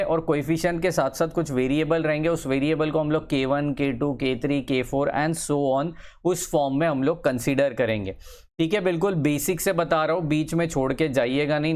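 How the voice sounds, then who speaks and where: A young man teaching engineering maths in a casual lecture, encouraging his students, repeating phrases and drawing words out slowly as he writes. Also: fairly high pitch. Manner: encouraging, chatty asides to students. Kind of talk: casual Hindi-English lecture.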